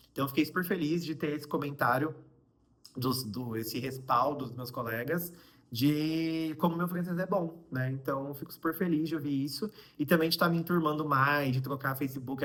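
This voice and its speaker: A man's voice: mid-range voice, a bit bright. A young man from Brazil with a Brazilian Portuguese accent, chatting casually to his viewers in a vlog, full of fillers and asides. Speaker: vlogger.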